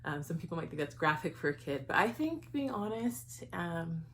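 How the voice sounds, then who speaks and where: A woman's voice: on the low side, big pitch swings, moderate pace, a little hiss or hum. A young woman chatting casually in a vlog, a bit out of breath, giggling and saying um often. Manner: chatty, giggly, with many ums. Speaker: vlogger.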